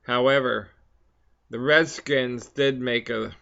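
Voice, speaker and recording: A man talks at an unhurried, slow pace in a medium-pitched voice, pausing and hesitating as he goes. He sounds like a pipe smoker chatting casually between puffs. The recording is a little dull and lo-fi. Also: fairly even intonation, creaky, sharp tone. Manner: halting, hesitant delivery with frequent long pauses. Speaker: vlog host. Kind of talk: casual rambling pipe-and-chat monologue.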